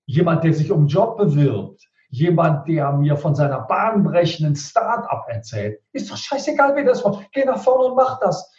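Lively man giving emphatic advice. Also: on the high side. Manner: emphatic, repeats his points. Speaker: speaker and rhetoric coach. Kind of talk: animated interview advice. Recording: roomy, distant, dull sound.

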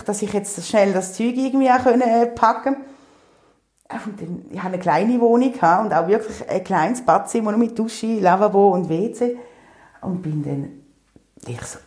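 Speaking with a Swiss German accent in a mid-range voice, a woman shares a personal story casually and with animation, laughing often and acting out the things she once said. The room sounds echoey.

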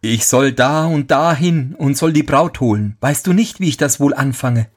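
A man's voice: mid-range voice, normal speed, voice pushed up, lightly acted. A man playing a faithful young servant who wails and laments in a storybook tale. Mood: lamenting. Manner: wailing, lamenting.

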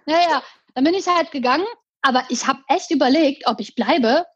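High-voiced woman telling a story. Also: fairly quick, no room sound, lo-fi sound. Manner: animated retelling, acting out a quarrel. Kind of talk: casual chat, storytelling.

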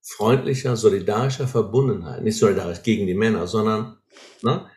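An earnest man talks through his ideas as if teaching, with a fairly low voice. He keeps checking in with short questions to make sure the listener follows. The sound is roomy, with a clear echo around him. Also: fairly quick, a little mellow. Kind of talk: explaining, teaching conversation.

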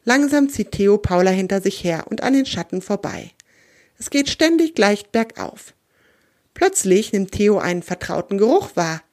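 A woman reading a children's story aloud in a gentle, expressive way. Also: mid-range voice, normal speed.

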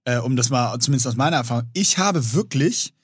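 Husky-voiced man in his thirties, chatting. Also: mid-range voice, a little fast, dry recording, studio quality. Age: 30s. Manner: animated storytelling, acts out scenes in raised voices. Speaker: podcast co-host. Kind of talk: casual chat.

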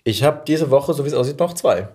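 A man's voice: medium pitch, animated, a little fast, dark tone. A man from Saxony, chatting and laughing on a podcast as co-host. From Saxony, Germany. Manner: chatty, self-mocking, laughs often. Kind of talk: casual podcast chat.

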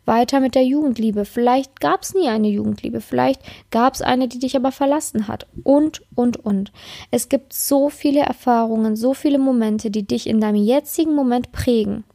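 A woman's voice: on the high side, moderate pace, creaky, warm tone. A woman giving an earnest motivational talk on love, speaking straight to her listener, often tagging lines with "ne?" and with blunt emphasis. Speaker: love and relationship coach. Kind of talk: motivational direct-address talk.

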